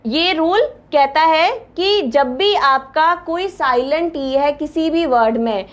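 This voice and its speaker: A woman's voice: high-pitched, takes it slowly. A woman with an Indian accent teaching an exam-prep English lesson, explaining step by step and checking in with her students.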